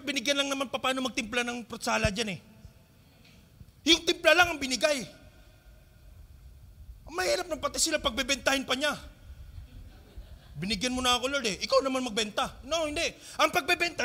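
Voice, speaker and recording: A man's voice: fairly quick, long pauses. A male pastor with a Filipino accent, preaching a sermon to his congregation and asking them questions, mixing English phrases into his talk. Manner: swings between loud emphatic lines and quiet low asides.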